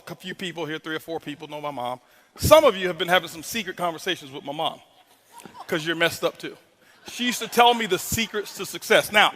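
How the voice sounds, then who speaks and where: Man, motivational stage talk, bright tone, animated, teasing audience, reverberant hall. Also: high voice. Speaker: motivational speaker. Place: large hall before a live audience.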